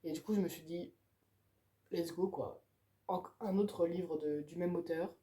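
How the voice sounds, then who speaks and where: This book vlogger's voice is fairly low and dark, steady in tone and measured in pace. She chats eagerly and casually about the books waiting on her pile, often closing phrases with "quoi."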